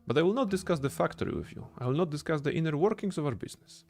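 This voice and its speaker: A man's voice: fairly high pitch, lively intonation, racing, vocal fry, darkish tone. A man reading a proud young heir. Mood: firm. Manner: lofty, formal reading of game dialogue. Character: proud young male heir of a rich family. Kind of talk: reading game dialogue aloud.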